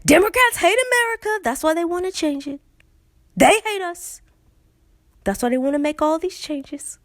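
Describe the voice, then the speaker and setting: A pompous, blustering politician voice, as a woman puts it on in a comedic podcast bit. It is pitched well above her normal talk and comes out loud and exaggerated. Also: sing-song, normal speed, dry recording, studio quality.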